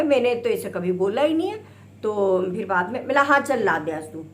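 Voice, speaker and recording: A middle-aged woman telling a family story in a casual vlog, lively and acting out the banter in different voices. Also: mid-range voice, slight background noise. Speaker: vlogger.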